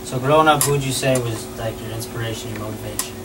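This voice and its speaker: A man hosting a casual interview, asking questions in a brisk, friendly way. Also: medium pitch. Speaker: interview host. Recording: distant mic with noisy background.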